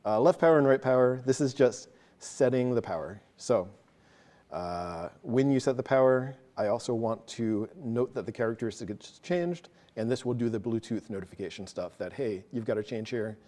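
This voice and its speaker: Guy giving a live coding talk to a room, mellow voice, rushes along, jokes at himself. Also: mid-range voice, expressive. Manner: fast, casual, self-deprecating. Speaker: meetup presenter. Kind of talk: live technical talk with audience questions. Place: meeting room with an audience.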